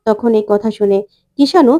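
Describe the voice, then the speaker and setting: Woman narrator recapping a serial, high pitched, soft-toned. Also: normal speed. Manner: plain storytelling. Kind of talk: retelling a TV serial episode.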